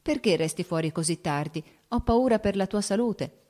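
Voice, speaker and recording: A woman's voice: medium pitch, lively intonation, normal speed, mellow, close to an everyday voice. A woman voicing an anxious, pleading pregnant noblewoman in an audiobook reading. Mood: worried.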